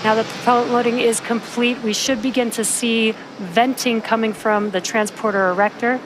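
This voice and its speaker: A woman with a fairly high voice hosts a live launch broadcast. She explains each step like an announcer. Clear ambient noise sits behind her voice. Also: fairly even intonation, normal speed. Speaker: launch webcast host.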